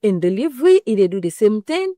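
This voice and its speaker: A woman's voice: mid-range voice, very animated, fairly quick, dark tone, dry recording, studio quality. A woman with a West African Pidgin English accent explains things frankly and emphatically in an interview, using everyday comparisons. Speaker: interview guest explaining women's health.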